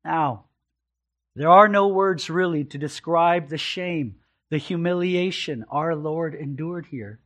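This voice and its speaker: A man with a notably high voice delivers an expository sermon from the pulpit. He speaks earnestly and emphatically, and he often repeats a phrase to drive a point home. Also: slow, a bit bright. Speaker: pastor.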